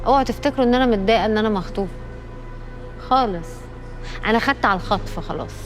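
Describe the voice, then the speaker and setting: A woman's voice: on the high side, very fast, music in the background, close to an everyday voice. An actress playing a defiant young wife taunting her captors in an Egyptian TV drama, with an Egyptian accent. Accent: Egyptian Arabic. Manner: defiant, sarcastic.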